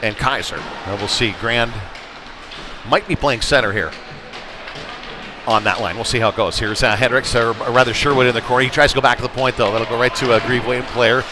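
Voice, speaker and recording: A man calls an ice hockey game live from an indoor rink, tracking the action in clipped, conversational running phrases. His medium-pitched voice stays steady and moves a little fast. The stream is noisy, with loud rink sound behind him.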